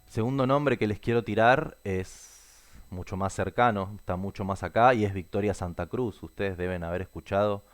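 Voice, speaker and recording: Deep-voiced man hosting a casual podcast. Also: normal speed. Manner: chatty, earnest, many fillers. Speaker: podcast host. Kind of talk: casual spoken commentary.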